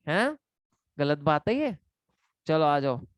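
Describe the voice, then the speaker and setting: A man's voice: fairly high pitch, sing-song, slow pace, smooth, dry recording. Playful teacher man, dry sound. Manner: playful, teasing, repeats each point; mixes Hindi and English. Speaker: online exam-prep teacher. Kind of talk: live online lecture quiz.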